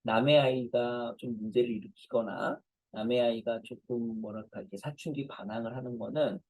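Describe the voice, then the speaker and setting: A man's voice: medium pitch, moderate pace, a little mellow, dry recording, low-quality recording. A man in his forties, a professor, giving a conversational lecture to parents and telling self-deprecating stories.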